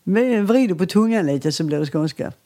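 An older woman from southern Sweden, a singer being interviewed, telling chatty, rambling anecdotes. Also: lowish voice. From Skåne, southern Sweden. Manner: chatty, lively anecdotes, rambles and laughs easily. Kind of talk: casual storytelling.

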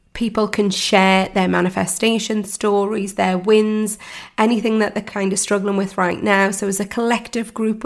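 Laryngitis leaves this UK woman's mid-pitched voice croaky and hoarse, with a gravelly edge running underneath. A mindset coach hosting her own podcast, she chats warmly on her own, filling gaps with ums and starting sentences over.

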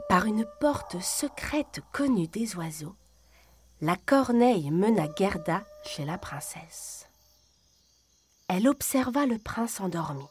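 A woman reading a fairy tale aloud in a calm, expressive storytelling voice. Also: medium pitch, slight background noise.

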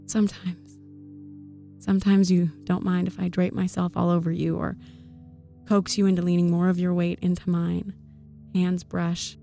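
A woman giving an earnest spoken-word poetry reading in a soft, intimate voice. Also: on the low side, vocal fry. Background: faint background music.

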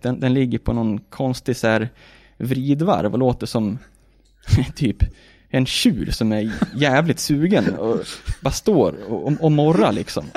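A man's voice: medium pitch, dry recording, clean studio sound. A man in casual chat, telling his racing story animatedly, acting out his own reactions and swearing freely. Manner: animated, acts out his own past reactions with shouts and laughter; swears freely, says "liksom" and "jag bara" often. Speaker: racing driver guest.

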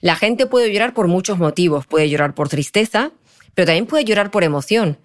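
A woman, a psychologist guest on a podcast, explaining in an expressive way and often checking in with her listener. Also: fairly low pitch, normal speed. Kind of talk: podcast interview conversation.

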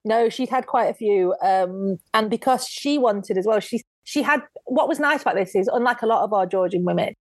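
Lively woman telling history stories. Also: medium pitch, moderate pace, few pauses, no room sound. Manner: lively storyteller who acts out quotes. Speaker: guest author and historian. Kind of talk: casual podcast interview.

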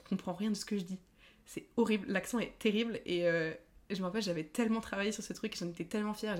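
A young woman from France chatting casually as a guest, talkative, laughing often and filling pauses with "euh". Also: on the low side. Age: young adult. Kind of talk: casual chat.

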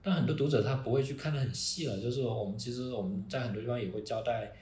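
A man who runs an art organization, talking in a casual podcast and pausing often to restart his thoughts. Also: mid-range voice, darkish tone. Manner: halting, many restarts and fillers. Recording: roomy with faint noise.

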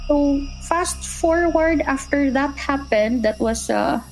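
A woman's voice: sits high, slow, faint music behind, low-quality recording. A young woman from the Philippines telling a true horror story in a casual way, acting out what the children said. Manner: animated, acts out what the children said. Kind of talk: casual storytelling, mixing Tagalog and English.

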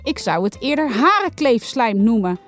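A woman's voice: fairly high pitch, very animated, moderate pace, soft background music. A woman voicing a firm, weary mother who speaks sternly but patiently.

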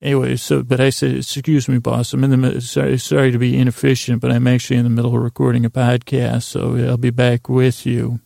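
Dry, clean studio audio carries a gravelly, medium-pitched man rambling through his bedtime podcast. He stumbles, starts over, lets thoughts trail into side roads, and keeps up a deadpan, absurd, self-mocking humour.

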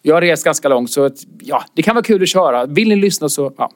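A man, a comedian, telling an anecdote in casual chat and acting out quotes with sudden high-pitched outbursts. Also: lively intonation. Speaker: comedian guest.

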